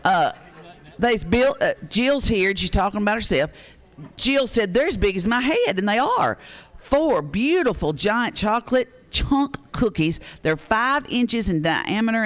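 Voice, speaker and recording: High-voiced man calling charity bids. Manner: folksy, reads off bids and names with frequent fillers. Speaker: charity auction host. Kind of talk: live charity auction announcing.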